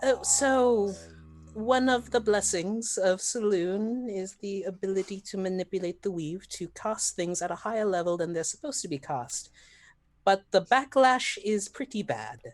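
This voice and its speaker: A woman's voice: medium pitch, measured pace, dry recording. A woman playing a tabletop game, speaking casually in character. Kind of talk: casual in-character role-play.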